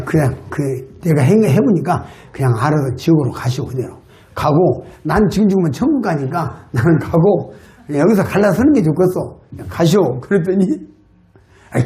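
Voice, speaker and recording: A man with a Jeolla Korean accent preaching a sermon at a church camp, telling stories and acting out the people in them. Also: roomy sound. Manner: animated, acts out dialogue with high excited voice. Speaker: lay preacher. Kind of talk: sermon with acted-out anecdotes. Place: church hall.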